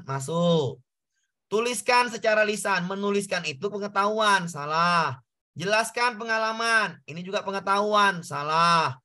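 A man's voice: fairly high pitch, sharp tone. A man tutoring an online class, explaining exam answers step by step, repeating key points and addressing students directly.

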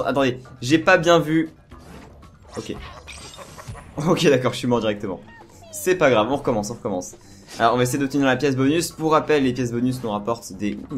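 A man with a hoarse, worn-out voice giving casual, excited gameplay commentary and repeating words in quick bursts. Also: medium pitch. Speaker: let's play host. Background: video game music.

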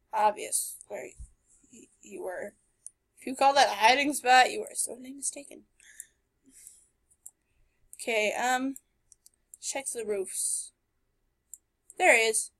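Recorded as a screen-capture voice-over, this woman's fairly high, slightly bright voice moves slowly with frequent pauses. She's a gamer giving playful, sarcastic, casual commentary while she plays.

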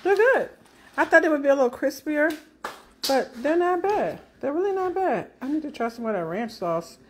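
A woman's voice: high-pitched, very animated, normal speed, a little hiss or hum. A woman co-hosting a home cooking stream from off camera, reading viewer comments aloud and teasing the cook. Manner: teasing, chatty. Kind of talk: casual live chat.

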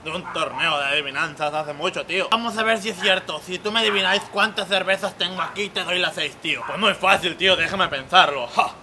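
A man's voice: high-pitched, a little fast, hardly any pauses, noisy background, pitched below the performer's own voice, close to an everyday voice. A man voicing a brash Spaniard with a put-on Castilian accent who keeps saying "tío". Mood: cocky. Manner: says "tío" constantly, brash. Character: lisping Spanish man telling riddles, adult.

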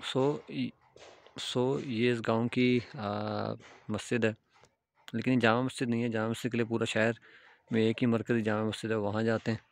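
A young man narrating a casual travel vlog while walking a village road, explaining step by step with pauses and fillers, filmed on a handheld phone at arm's length. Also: medium pitch, level tone. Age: young adult. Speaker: travel vlogger. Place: outdoors on a hillside village road. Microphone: phone camera held at arm's length. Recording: faint outdoor ambient noise.

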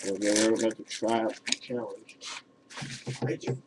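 A teenage boy chatting casually to a webcam at home in a hesitant, halting way. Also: lowish voice, level tone. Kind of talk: casual vlog chat. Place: room at home, indoors. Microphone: webcam at arm's length. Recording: faint noise and clicks, webcam audio.

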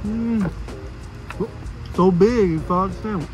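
A man's voice: high voice, slow, loud music behind the voice, rough recording. A man talking while chewing, giving a laid-back food review in a car. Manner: laid-back, rambling with fillers. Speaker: food vlogger.

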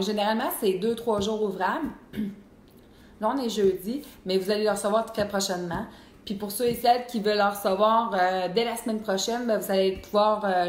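Hosting a cooking live stream from her home kitchen, a Québécois French woman with a mid-range voice reads viewer comments as she chats. She's animated and full of fillers, and the room sounds echoey with faint noise.

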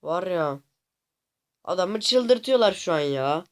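A man hosting a gaming channel, commenting casually on his gameplay to viewers, often exasperated and complaining out loud at the game. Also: sits high, animated, takes it slowly. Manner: talks to viewers directly.

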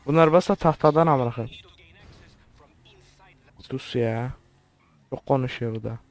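A man's voice: medium pitch, a little slow. A man giving crude, joking let's play commentary, swearing often and sounding baffled by what he plays. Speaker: gamer.

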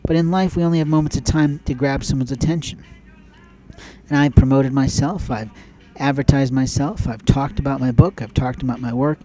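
An emphatic, preachy man delivers a monologue on his own audio show. His voice is dark and mellow, sitting at an ordinary pitch. He builds his points with repeated phrases. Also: fairly even intonation, fairly quick, poor audio. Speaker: podcast host. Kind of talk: spoken opinion monologue.

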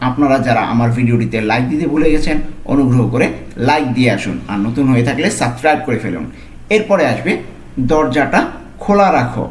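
A man teaching a language lesson, slowly repeating each phrase word by word. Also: mid-range voice, animated. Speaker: language tutor. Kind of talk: lesson narration. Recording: echoey room.

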